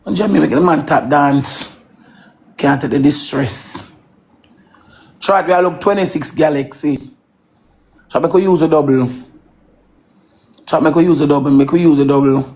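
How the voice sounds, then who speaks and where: A woman's voice: low voice, normal speed, pauses often, a little mellow. A Jamaican woman in her thirties hosting a live stream, coaxing her chat with repeated call-outs in patois. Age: 30s.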